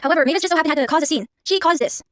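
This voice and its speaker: A woman's voice: sits high, very fast. A young woman giving casual movie commentary in a rambling way, full of fillers and restarts. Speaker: movie reaction vlogger.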